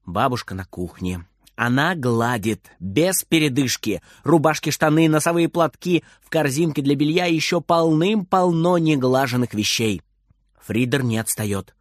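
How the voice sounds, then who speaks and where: A man narrating a children's story aloud, lively and expressive. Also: mid-range voice, measured pace, no room sound, studio quality. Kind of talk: storybook reading.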